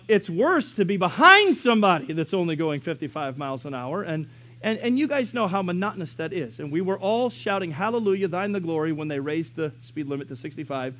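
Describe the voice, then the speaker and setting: Animated, high-voiced male preacher. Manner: animated storytelling, bursts into shouts. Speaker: pastor. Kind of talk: sermon.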